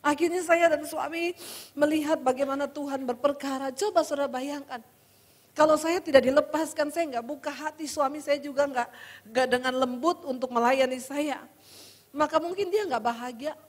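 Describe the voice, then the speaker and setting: Emotional woman preacher, middle-aged, high voice, sermon in a hall with long reverb. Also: moderate pace. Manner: emotional, addresses listeners as "saudara", swings from hushed to loud. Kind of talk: sermon with personal testimony.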